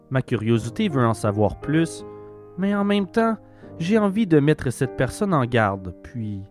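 A Québécois man delivers scripted documentary narration. His mid-pitched voice moves animatedly up and down while he tells things reflectively. Faint guitar music sits underneath. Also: a little mellow. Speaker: host narrator.

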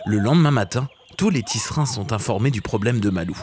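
A man narrating a children's animal story in a lively, clearly scripted way. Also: fairly low pitch, quick pace. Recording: music under narration.

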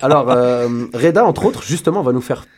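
A man's voice: mid-range voice, expressive, normal speed, darkish tone, husky. A man from France hosting a casual radio chat, playful and wisecracking as he reads from his notes. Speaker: radio show host.

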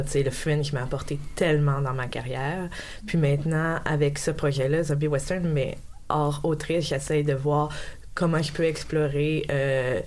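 A woman's voice: deep voice, a little mellow. A woman with a Quebec French accent talking casually about her work as an interview guest.

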